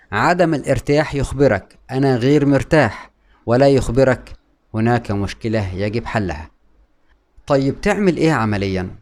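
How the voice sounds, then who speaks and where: Man, Egyptian Arabic accent, explanatory lesson, calm, repeats key points, mid-pitched voice. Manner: calm, repeats key points, asks and answers his own questions. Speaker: mental health educator. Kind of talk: explanatory talk to camera.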